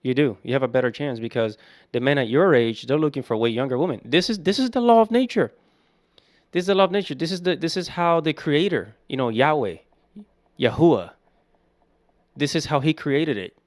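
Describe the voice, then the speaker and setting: A man's voice: fairly high pitch, expressive, fairly quick, no echo, studio quality. A man in his thirties giving casual, opinionated commentary, repeating his points with emphasis. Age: 30s. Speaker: commentator reacting to clips.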